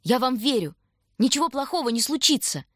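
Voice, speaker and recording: A woman's voice: on the low side, animated, brisk, no echo, clean studio sound. Woman doing a cheerful young recruit. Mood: reassuring. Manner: good-natured, reassuring. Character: young male recruit, cheerful, self-deprecating.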